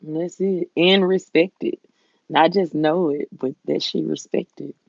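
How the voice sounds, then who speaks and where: A woman with a Southern US accent and a folksy, drawn-out drawl, chatting casually with viewers as a livestream host. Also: sits low, steady tone, vocal fry, a little mellow, no room sound, lo-fi sound. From southern United States.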